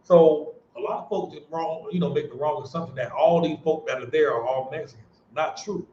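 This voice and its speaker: An American man hosts a casual livestream in a fairly high, brisk, mellow voice, speaking earnestly with many restarts and fillers. The stream audio sounds roomy and dull, with slight background noise.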